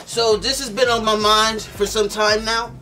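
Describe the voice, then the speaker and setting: Brief: a male improv comedian with a playful, slangy deadpan and a highish voice. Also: normal speed, far from the mic, background noise.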